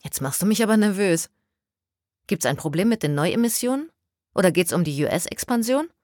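A woman voicing a confident, brisk businesswoman who chairs her own company. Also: lowish voice, animated, darkish tone, no room sound, clean studio sound, lightly acted. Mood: anxious. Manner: brisk, upbeat and self-assured.

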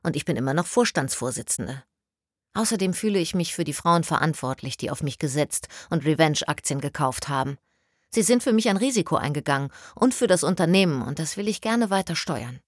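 A woman voicing a confident, brisk businesswoman who chairs her own company. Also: sits low, expressive, dry recording, studio quality. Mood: self-assured. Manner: brisk, upbeat and self-assured.

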